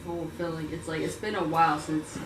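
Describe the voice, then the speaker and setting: A woman guest in a casual movie review chat, soft-spoken and chiming in to agree. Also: sits low, flat delivery, brisk. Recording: echoey room, mic far off, noise.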